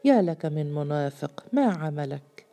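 Stern, scornful storybook jinn, read by a woman in a low mellow voice. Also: expressive, measured pace. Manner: severe, scornful sermonizing. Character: stern mocking male jinn freed from a bottle. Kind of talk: storybook reading.

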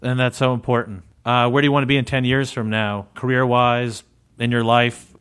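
A man's voice: medium pitch, little pitch movement, normal speed, fairly bright tone, clean tone. A man hosting a podcast interview, friendly and chatty, laughing often and restarting his phrases. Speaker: podcast host.

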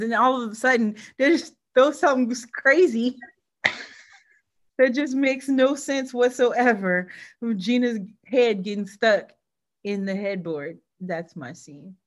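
A woman's voice: a little high, measured pace. A woman co-hosting a podcast, chatting casually and laughing often. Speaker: podcast co-host. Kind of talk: casual chat.

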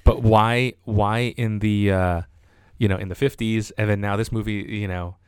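A man's voice: lowish voice, fairly even intonation, normal speed, clear, resonant tone, no room sound, studio quality. A man in casual podcast chat, hesitant, stammering over repeated words and fillers. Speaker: podcast co-host.

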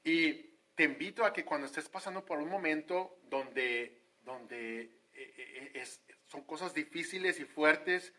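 Bright-voiced preacher man. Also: a little high, unhurried. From Monterrey, Mexico. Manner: conversational preaching, acts out quoted voices, frequent hesitations. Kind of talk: sermon.

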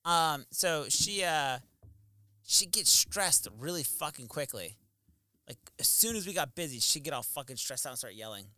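Lively bright-voiced man telling stories. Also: a little high, normal speed, no echo, clean studio sound. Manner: laid-back storyteller, swears freely. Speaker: podcast co-host. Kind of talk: casual chat.

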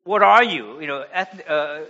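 A man's voice: a little high, lively intonation, measured pace, pushed and bright, dull audio. A man from America with an American accent, preaching an expository sermon with conversational asides. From United States. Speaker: pastor.

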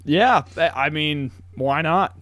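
Young man, podcast co-host, casual chat, slightly high voice, laughs a lot. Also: slow, a bit bright. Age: young adult. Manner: laughs often, acts out quotes in funny voices. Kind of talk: casual chat recapping a TV episode.

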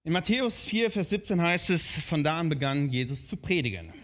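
A man's voice: fairly high pitch, lively intonation, brisk, fairly bright tone. A man preaching a sermon in a conversational way, often asking his listeners direct questions.

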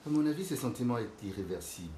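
An older man from Congo answering interview questions in a measured, explanatory way. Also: medium pitch, animated, warm tone. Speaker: guest. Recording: echoey room with faint noise.

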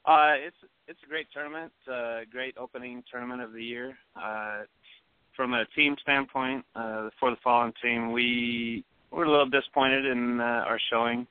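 A male athlete guest giving a halting, understated interview by phone. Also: medium pitch, clean tone, no echo. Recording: dry narrow phone line.

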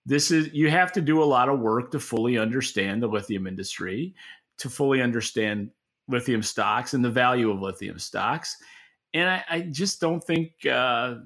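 Speaking at a moderate pace with medium pitch and a fairly bright tone, this podcast co-host offers unscripted expert views on the market as an industry analyst. His explanations are opinionated, and he often reworks sentences partway through.

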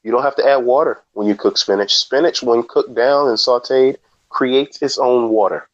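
A man co-hosting a podcast in casual chat, joking with dry, deadpan asides. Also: mid-range voice, moderate pace, highs cut off. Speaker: podcast co-host.

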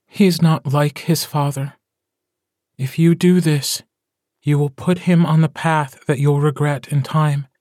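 A man's voice: on the high side, fairly even intonation, unhurried, a little mellow, dry recording, studio quality, pitched above the performer's own voice, natural voice. A male audiobook narrator voicing a fierce, outspoken grown woman who is a werewolf pack mother. He gives her a raised, pleading voice.

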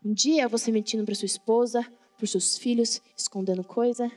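Her voice is a little high and a little mellow, with a steady tone and moderate pace. She's a Brazilian woman giving a sermon, speaking with a Brazilian Portuguese accent, fervent and colloquial, constantly questioning the congregation, while faint music plays in a reverberant hall.

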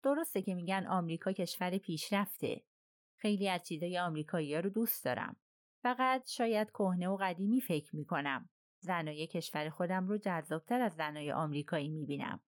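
A woman's voice: fairly low pitch, no room sound, clean studio sound, lightly acted. A woman reading the part of a polite, thoughtful middle-aged male detective in an audiobook, speaking courteously and musingly.

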